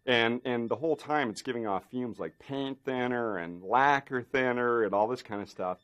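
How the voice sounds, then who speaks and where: A special effects artist telling a behind-the-scenes anecdote in a documentary interview, rambling with many fillers and restarts. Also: male voice, mid-range voice, normal speed, fairly bright tone.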